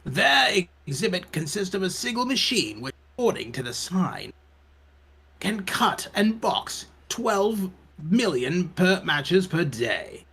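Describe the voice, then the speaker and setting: A man's voice: sits high, gravelly, pushed and bright, husky. A man reading game text aloud for a let's play from home, his voice glitching and cutting out over a voice chat call. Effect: voice glitching and cutting out over an online call. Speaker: let's player. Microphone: voice chat mic.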